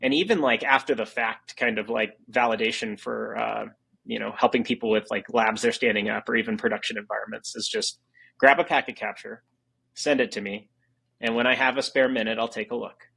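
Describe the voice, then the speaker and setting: A man's voice: fairly low pitch, steady tone, a little fast, gravelly, sharp tone, breathy edge, poor audio. A man, a guest engineer on a podcast, explaining casually with plenty of fillers.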